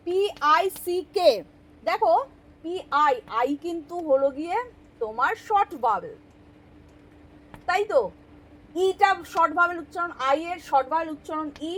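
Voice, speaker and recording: A woman's voice: very high voice, a bit bright. A woman teaching English spelling rules step by step, patient and asking her students questions as she explains. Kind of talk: spoken English spelling lesson.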